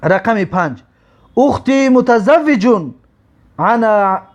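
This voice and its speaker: A man teaching an Arabic grammar lesson, drawing out example words slowly between quick explanations. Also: sits high, expressive, highs cut off. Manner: slow drawn-out example words, quick asides.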